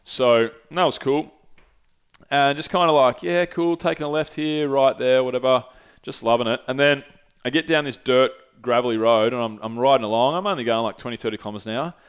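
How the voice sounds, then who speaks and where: A man's voice: medium pitch, a little fast, clear, resonant tone. A young man casually telling a rambling travel story, swearing freely and using lots of fillers. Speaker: podcast guest telling travel stories.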